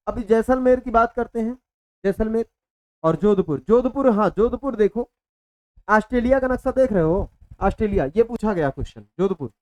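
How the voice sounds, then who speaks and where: A man's voice: sits high, a little mellow. A man teaching a live online exam-prep class in a casual, repetitive way, calling students "beta" and "bhai" and answering viewers' chat messages.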